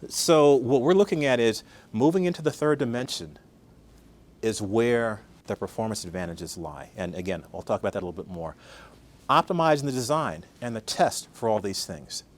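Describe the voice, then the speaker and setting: Older guy giving a tech talk to a crowd, chatty, keeps asking the room stuff, normal pitch. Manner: conversational, asks the audience questions. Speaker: guest speaker. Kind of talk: conference talk.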